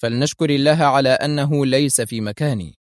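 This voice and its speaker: A man voicing a calm, wry male secret agent who speaks with firm composure. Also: mid-range voice, brisk, no echo, studio quality, lightly acted. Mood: cool.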